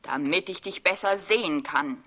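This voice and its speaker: A woman's voice: fairly low pitch, normal speed, fairly bright tone. A woman voicing a sly, greedy male wolf in a fairy tale.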